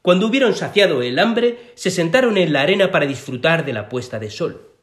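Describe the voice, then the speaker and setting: A man reading a children's story aloud as narrator, in an expressive way. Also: a little high, a little fast. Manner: expressive, sing-song reading.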